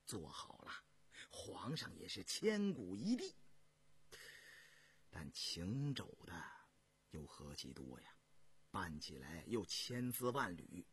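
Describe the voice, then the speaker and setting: A man voicing a seasoned old imperial minister who weighs his words slowly and sighs, in a told historical tale. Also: low voice, sing-song, fairly bright tone, slightly rough, voice pushed down, full character voice. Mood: pondering.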